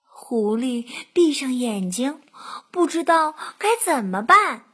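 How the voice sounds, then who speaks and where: A woman narrating a children's bedtime story in a gentle, drawn-out way. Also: sits high, sing-song, breathy edge.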